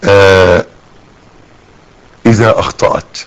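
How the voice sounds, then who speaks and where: A middle-aged preacher with an Egyptian Arabic accent delivers a sermon in a low voice, taking it slowly over poor audio. He is lively, acting out little scenes as his voice rises and falls.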